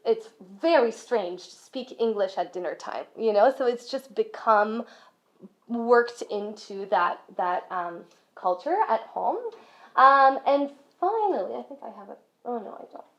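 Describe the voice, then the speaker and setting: Speaking for a school's language program, this woman gives parents a casual, chatty presentation full of fillers and friendliness. Her pitch is fairly high, her intonation lively, and her pace a bit slow. The audio has a muffled, lo-fi quality.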